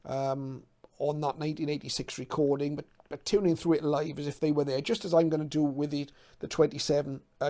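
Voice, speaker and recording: A UK man in his fifties, his voice a little high with a darkish tone, talks casually to camera from a small, cluttered home radio room. Hosting a hobby channel, he explains things somewhat hesitantly, thinking aloud as he goes.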